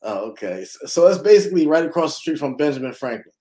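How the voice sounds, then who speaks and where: A relaxed man from North Philadelphia, USA, a real estate investor and lender, tells his story as a guest in a casual interview. He talks fast in a slightly high voice, rambling with lots of fillers.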